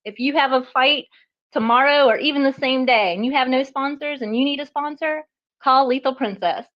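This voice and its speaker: A woman chatting as a guest artist on a live online audio show, animated and self-deprecating, laughing often and a bit out of breath. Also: high voice, moderate pace, lo-fi sound. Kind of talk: casual chat on a live audio space.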